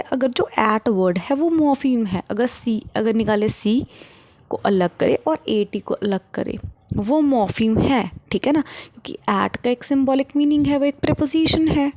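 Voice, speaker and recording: A woman teaching linguistics in a classroom-style lecture, explaining step by step, often checking that students follow, and slowing down to dictate definitions. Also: on the high side, a little mellow. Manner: explains step by step, checks understanding with frequent rhetorical questions; slows right down to dictate English definitions.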